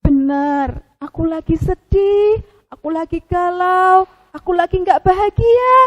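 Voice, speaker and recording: A woman's voice: very high-pitched, highs cut off. Woman voicing a sad, tearful little penguin. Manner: soft, quiet and slow, breaking into sobs. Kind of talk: puppet storytelling for children.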